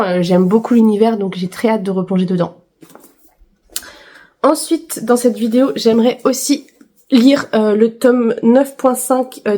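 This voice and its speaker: A woman's voice: on the high side, warm tone. A woman book vlogger chatting casually about her reading plans, enthusiastic, with frequent hesitations and repeated words.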